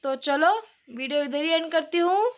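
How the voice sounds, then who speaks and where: A cooking channel host chats casually in her kitchen while going through the ingredients of a home cooking video step by step. Her voice sits high and moves at a normal speed, but the audio quality is poor.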